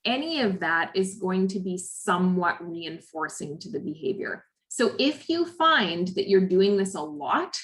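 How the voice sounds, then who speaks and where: Canadian woman, therapy director giving a recorded parent workshop, friendly explainer, average pitch. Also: sing-song, unhurried, hardly any pauses, a bit bright. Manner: friendly, explanatory, with frequent "um" and "right?". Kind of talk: recorded lecture over slides.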